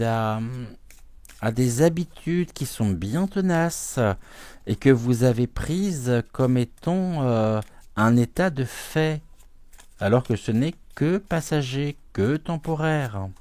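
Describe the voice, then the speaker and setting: A man doing a live spiritual card reading, slow and halting with many pauses, sometimes talking aloud to an unseen guide as he draws cards. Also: mid-range voice, lively intonation, a little mellow, no echo. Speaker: tarot and oracle card reader.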